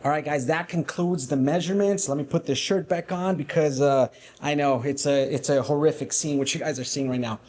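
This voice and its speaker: A man's voice: on the high side, darkish tone, husky. A man in his forties vlogging casually to camera in a gym, hyping himself up and joking at his own expense. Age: 40s. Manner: upbeat, self-mocking hype talk. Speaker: fitness vlogger. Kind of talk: casual vlog talk to camera.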